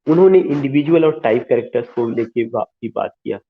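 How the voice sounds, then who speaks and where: Man teaching a class over tinny audio. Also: medium pitch. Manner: explains slowly, repeats key terms, mixes English into Hindi. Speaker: English literature teacher. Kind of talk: online class lecture.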